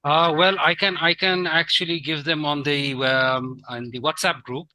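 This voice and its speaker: Bright, tense-voiced male course staff. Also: fairly high pitch, fairly even intonation, moderate pace. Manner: polite, reassuring, fillers.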